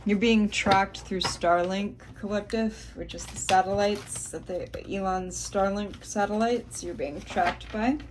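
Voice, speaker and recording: Slow-talking exasperated woman reading tarot. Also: mid-range voice, noisy background. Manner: exasperated, swearing, muttering asides. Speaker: tarot reader. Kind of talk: channeled tarot reading to viewers.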